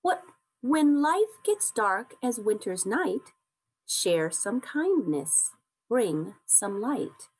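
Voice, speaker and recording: A woman voicing a cheerful, kind young female storybook character, eager and upbeat, with a lively, bouncing voice. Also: fairly high pitch, very slow, slightly rough, exaggerated voice.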